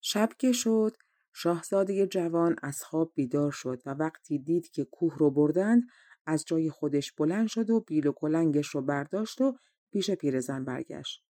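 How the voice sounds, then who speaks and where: A woman narrating a folk tale for an audiobook in a steady, measured storytelling manner. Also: deep voice, no room sound. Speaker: audiobook reader.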